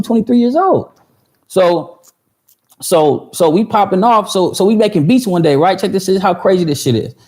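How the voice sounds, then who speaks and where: This man, in his thirties, has a high voice that's a little mellow. He's rambling through a long story on a livestream for music producers, swearing, restarting, using plenty of fillers, and answering viewer chat partway through.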